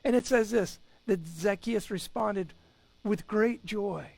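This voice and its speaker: A man's voice: high voice, takes it slowly, creaky, a little mellow, no echo. A man preaching a sermon as pastor, telling the story with animation and acting out the people he quotes. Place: church.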